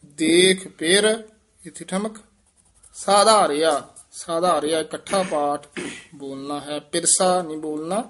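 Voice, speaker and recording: A man's voice: fairly high pitch, a bit bright. Man instructing on how to recite. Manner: instructive, demonstrating pauses and stresses. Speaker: recitation teacher. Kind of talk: instructional correction.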